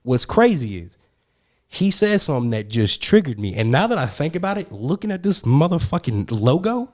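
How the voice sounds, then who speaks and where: Dude on a podcast telling a wild story, lots of slang and swearing, super animated. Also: male voice, on the high side, moderate pace. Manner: animated, profane, slangy, says "bro" often. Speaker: podcast co-host. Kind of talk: casual storytelling.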